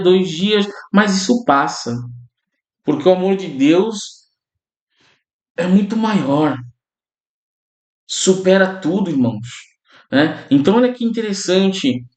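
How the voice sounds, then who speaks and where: A male pastor delivers a sermon in a fairly high voice. He talks to his listeners like a conversation, often calling out to them and checking in with them. The room around him is echoey. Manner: conversational preaching, often addresses listeners as brothers and tags lines with "né?".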